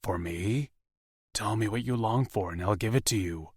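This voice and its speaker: A man doing a husky, gruff werewolf lover. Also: moderate pace, no echo, studio quality. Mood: tender, gruff. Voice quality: husky, low and soft. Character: big protective male werewolf, gruff and tender.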